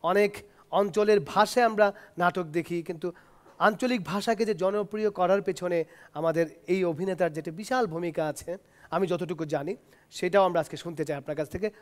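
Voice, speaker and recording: A man's voice: sits high, a little fast. A man hosting a TV talk show, introducing his guest in a polite, formal way. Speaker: host.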